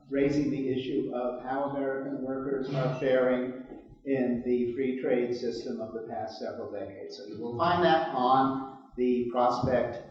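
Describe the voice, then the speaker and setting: A man moderating a conference panel, pausing often with fillers, heard through a low-quality live stream recording from a hall. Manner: hesitant, many filler pauses. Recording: distant, echoey, muffled hall recording.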